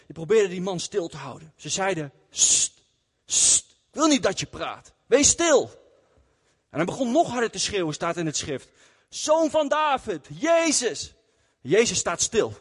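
A lay preacher with a high, slightly breathy male voice gives an earnest testimony sermon in church, retelling scripture stories. Long hall reverb fills the recording.

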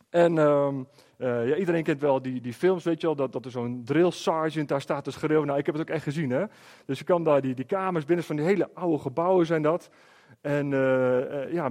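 A middle-aged man telling a story to an audience in a lively way, often checking in with his listeners through short rhetorical questions. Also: a little high. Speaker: speaker.

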